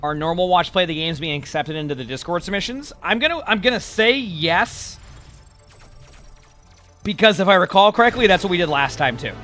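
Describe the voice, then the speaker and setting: Fast, high-voiced male streamer on headset audio. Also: animated, sharp tone, soft background music. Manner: rambling, filler-heavy, frequent restarts. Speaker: game streamer. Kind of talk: casual chat to stream viewers while gaming.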